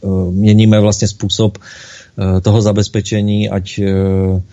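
A man's voice: fairly low pitch, completely flat delivery, warm tone. A man hosting a casual chat, talking hesitantly with many filler sounds. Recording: dull lo-fi recording.

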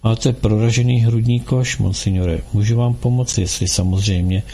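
A man's voice: on the low side, steady tone, slightly rough. A man reading as a kind woman seer. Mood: sad. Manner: gentle, kindly.

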